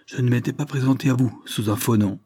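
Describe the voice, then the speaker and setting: A man reading the part of a frank, good-humoured young gentleman in an audiobook, with a light manner. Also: medium pitch, steady tone, a little fast, slightly rough, dry recording, clean studio sound, close to an everyday voice. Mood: cheerful.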